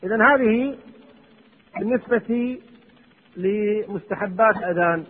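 A man's voice: high-pitched, a little slow, breathy edge. A man teaching Islamic law, reading lines from a text and explaining them with questions to his students. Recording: tinny phone-like audio with long hall reverb.

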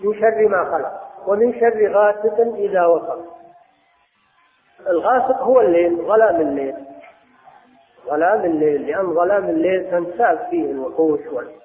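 A man giving a measured religious lesson as a scholar, explaining step by step with some restarts. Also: high voice, soft background music. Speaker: Islamic scholar. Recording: echoey hall over tinny phone-like line.

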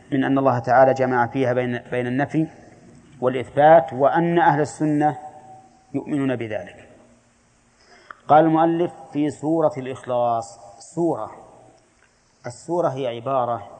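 A man's voice: mid-range voice, a little mellow, big-room sound. A man teaching a classroom religious lesson on a creed text. He explains step by step, puts questions to his students and answers them himself.

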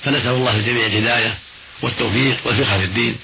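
A man's voice: mid-range voice, steady tone, racing, creaky. A man giving religious instruction in formal Arabic as a scholar, didactic and repeating points for emphasis. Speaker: Islamic scholar answering listeners' questions. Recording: noisy, dull old radio recording.

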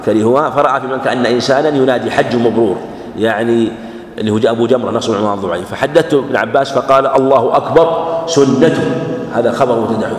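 A man giving a religious lesson, speaking in a measured way and repeating phrases for emphasis. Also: medium pitch. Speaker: Islamic scholar teaching a hadith class. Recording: echoey hall with faint ambience.

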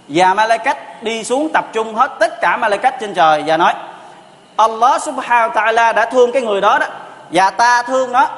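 A man's voice: high voice, a bit bright. A man giving a storytelling sermon, asking rhetorical questions and repeating pious exclamations. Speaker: preacher. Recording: long reverb of a hall.

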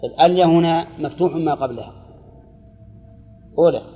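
Male teacher giving a grammar class, deliberate and repetitive, dull recording with a long echo. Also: on the high side, faint music behind. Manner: deliberate, repeats phrases slowly, questions students. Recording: dull lo-fi recording with long hall reverb and faint noise.

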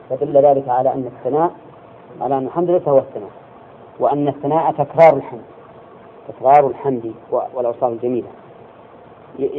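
A male religious teacher giving a classroom lesson, explaining slowly and checking his students with quick questions. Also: medium pitch. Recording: tinny lo-fi lecture recording with faint hiss.

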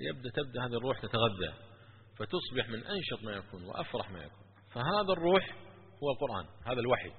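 A man preaching and telling stories in an animated religious lecture. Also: medium pitch, breathy edge. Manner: animated, with stories and rising emphasis. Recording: tinny lo-fi with long hall echo.

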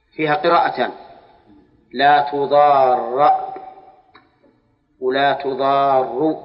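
Scholar lecturing in an echoey hall. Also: male voice, medium pitch. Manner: questions students, drawls words for emphasis. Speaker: Islamic scholar teaching Quran exegesis. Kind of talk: classroom lecture on Quranic grammar. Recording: lo-fi lecture hall recording with long reverb.

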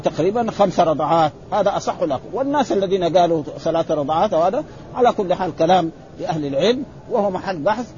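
A religious teacher with a high-pitched, darkish voice teaches a lesson, reading classical texts and explaining them in colloquial asides, often saying "ha" and correcting himself. The lo-fi recording is slightly dull, with a little hiss or hum.

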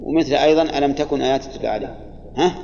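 A man teaching a grammar lesson to a class, reciting examples slowly and quizzing his students. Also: mid-range voice, gravelly, a little mellow, slight background noise. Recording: dull lo-fi recording in a long-reverb hall.

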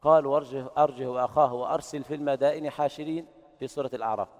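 A man teaching Quran recitation readings in an explanatory lesson, who breaks into slow, melodic chanting to demonstrate each reading. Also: medium pitch, steady tone, in a large hall.

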